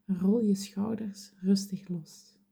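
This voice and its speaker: Female meditation guide, whispered delivery, very slow and dark-toned. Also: mid-range voice, steady tone, vocal fry, husky. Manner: slow, soothing, gentle.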